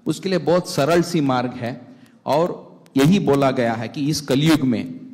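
A middle-aged man, a panel guest, giving a spiritual talk on a TV stage, halting often and mixing in English words, speaking into a handheld mic. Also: mid-range voice, darkish tone. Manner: halting, many restarts, mixes English words. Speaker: panel guest, temple vice-president. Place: large stage hall with audience. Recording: long hall reverb.

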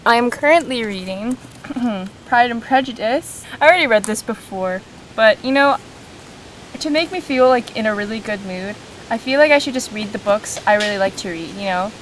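A woman's voice: fairly high pitch, lively intonation, moderate pace, a bit bright, a little hiss or hum. Chatty young woman vlogging in an echoey room. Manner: chatty, rambling with fillers. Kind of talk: casual vlog chat. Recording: roomy echo.

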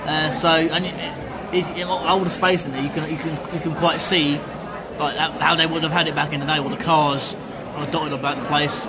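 On the high side and flat in delivery, this young Englishman talks briskly into his vlog with a casual, joking manner and lots of repeated phrases. He films with a handheld phone at arm's length as he moves through a car, a big crowded pub and a theatre, where loud music and crowd noise fill the background.

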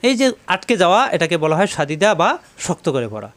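Man, high-pitched voice, Quran teacher, patient, repeats sounds to demonstrate. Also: very animated. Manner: recites verses in slow drawn-out chant. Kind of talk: tajweed lesson.

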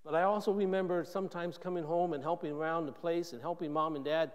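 In a church sanctuary with long reverb, a man in his sixties delivers a conversational sermon as a pastor. His voice is a little high, steady and smooth, and he talks fast, often restarting sentences as he thinks aloud.

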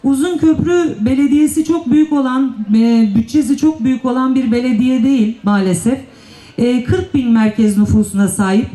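A woman's voice: sits high, dark tone. A woman mayor giving a formal, emphatic panel speech at a podium microphone. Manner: earnest, emphatic speechmaking with drawn-out stresses. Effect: speaking at a podium microphone. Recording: echoey public address sound.

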